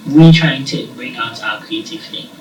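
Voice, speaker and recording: A man, a musician guest, chatting casually in an interview. He talks in an animated way, laughs often and breaks into shouts when excited. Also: mid-range voice, normal speed. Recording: roomy, from a distance, noisy background.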